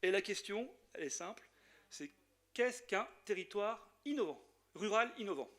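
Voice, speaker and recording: Hesitating frequently, a man with a Lorraine French accent welcomes a general assembly informally in his role as chamber of commerce president. His high voice is animated and fairly bright, at a moderate pace.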